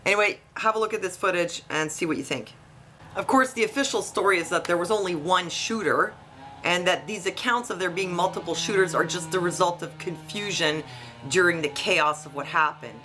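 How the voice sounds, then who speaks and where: Brisk and sharp-toned, her voice lowish, the woman hosting the online video keeps up her conversational, questioning investigative commentary for viewers. Faint music plays behind her, and the noisy recording also catches buzzing from tree-cutting outdoors.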